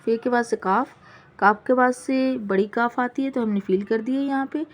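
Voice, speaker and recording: A woman's voice: a little high, normal speed. A woman teacher giving a patient classroom lesson, reading letters out one by one and explaining each step.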